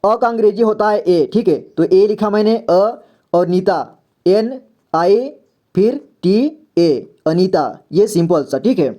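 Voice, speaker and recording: A man with a Hindi accent teaching a slow, step-by-step spelling lesson and often checking in with the listener. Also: high-pitched, mellow. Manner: slow and repetitive, often says "theek hai". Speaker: English reading teacher.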